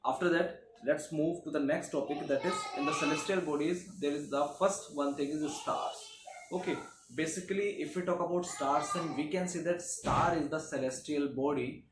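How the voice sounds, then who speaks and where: A man's voice: on the high side, moderate pace. Man, teacher, classroom lecture, "okay" and "uh" fillers, echoey room, faint hiss. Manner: frequent "okay" and "uh" fillers, repetitive explaining.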